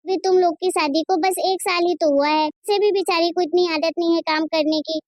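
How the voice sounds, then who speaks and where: A woman voicing a fair-minded middle-aged mother in a Hindi cartoon, lecturing her daughter in a high, sing-song tone. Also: steady tone, brisk, a little mellow, no echo, studio quality. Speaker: voice actor.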